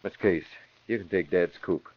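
A man acts out a determined young crime-fighter in an old radio drama. The voice is low and firm, handing out decisive orders. The recording is dull and vintage. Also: moderate pace, noisy background, close to an everyday voice. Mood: grave, decisive. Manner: decisive, gives crisp orders. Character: determined young crusading man, secretly a masked vigilante. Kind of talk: 1940s radio drama acting.

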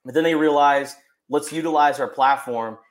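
A man on a sports podcast, animated and effusive, talking in quick bursts. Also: a little high. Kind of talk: casual sports chat.

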